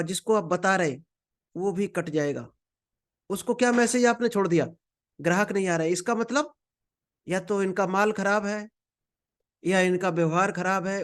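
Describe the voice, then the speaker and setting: A man giving a conversational motivational lecture from slides, calling listeners "friend" and mixing in English phrases. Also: high-pitched. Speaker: motivational sales trainer.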